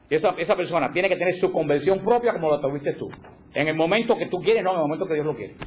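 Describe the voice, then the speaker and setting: A man teaching a catechism course in a slightly higher voice, lively and expressive, slipping into quoted voices to make his point. A faint hiss sits under the recording. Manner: animated, acts out quoted voices, repeats for emphasis. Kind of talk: religious teaching talk.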